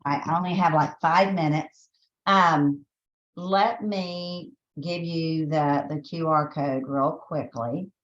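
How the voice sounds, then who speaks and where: A Texas woman with a Southern accent speaks slowly, low-pitched and with fairly even intonation, in a reverberant, muffled recording. Presenting a teacher training webinar, she chats along, thinking aloud with restarts and fillers.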